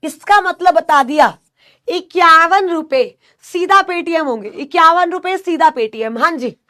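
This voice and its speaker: Lady teacher w a sore throat, high voice, drills the class, scolds and teases. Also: slow pace, a bit bright. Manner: drills students with call-and-response, scolding and teasing. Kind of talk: online class lecture.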